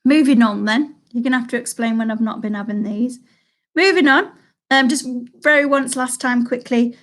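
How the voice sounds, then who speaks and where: A woman streams a live quiz from her Salford home, her voice sitting slightly high. She's at ease chatting between questions and reads each one slowly, saying it twice for the players.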